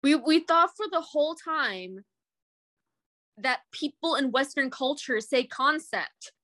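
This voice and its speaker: A young woman talks on a podcast in a bubbly, giggling way, her pitch leaping high and low. She sits a touch above average in pitch. The sound is close and dry, with no room around her. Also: slow pace, no room sound. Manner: animated, giggly, lots of fillers. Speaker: podcast co-host. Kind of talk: casual chat.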